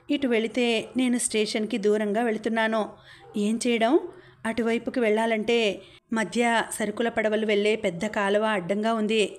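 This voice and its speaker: Woman, audiobook narrator, first-person novel, measured, dramatic, slightly high, level melody.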